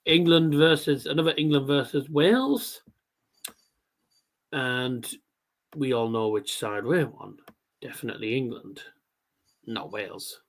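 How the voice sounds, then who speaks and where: A man's voice: medium pitch, a little slow, long pauses. A man doing casual live darts commentary as a watchalong host, with trouble pronouncing his R sounds. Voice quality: cannot pronounce R sounds properly.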